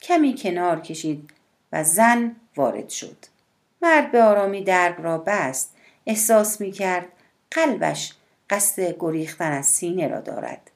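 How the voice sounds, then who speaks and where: A woman reads an audiobook aloud at a steady, measured pace. Her voice sits somewhat low, with a gravelly texture. Her pitch moves in lively rises and falls. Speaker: audiobook narrator. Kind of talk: scripted audiobook narration.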